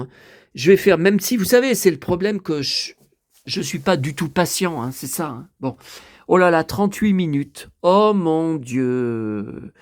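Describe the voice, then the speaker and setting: A man's voice: sits high, a little mellow, no room sound, clean studio sound. A man in his fifties talking casually to the camera at home as a vlogger, rambling and swearing often while showing his shopping. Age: 50s. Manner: breathless from carrying heavy bottles. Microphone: handheld camera held while talking.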